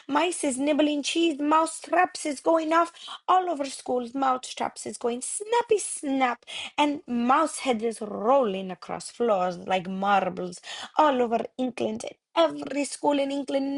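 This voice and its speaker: A woman's voice: high-pitched, creaky, voice pushed up, exaggerated voice. A woman voicing a cruel, gloating old female witch leader in a storybook reading, shrieking in broken grammar and chanting rhymes. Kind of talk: audiobook character reading.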